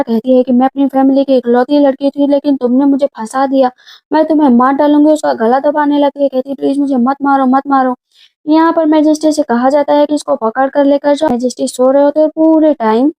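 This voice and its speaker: High-voiced woman narrating a drama recap. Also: mellow. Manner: retells scenes, speaking the characters' lines in her own voice. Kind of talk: casual storytelling narration. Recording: dull lo-fi sound.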